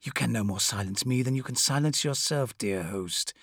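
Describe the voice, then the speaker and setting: A man voicing a sinister demon that hisses in a low whisper from inside its host. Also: moderate pace, a bit bright, breathy edge, dry recording, studio quality. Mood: menacing. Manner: hissing whisper.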